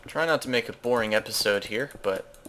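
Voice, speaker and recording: A man's voice: on the low side, fairly quick, pushed and bright, a little hiss or hum. A man giving casual, rambling commentary as he plays a game, often correcting himself mid-sentence. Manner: rambling, self-correcting, chatty asides. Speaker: Let's Play host.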